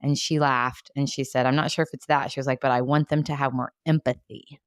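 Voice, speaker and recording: A woman's voice: a bass voice, steady tone, a little fast, smooth, no echo, studio quality. A woman in her forties hosting a podcast, enthusiastic and affirming toward her guest. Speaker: podcast host. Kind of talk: casual podcast conversation.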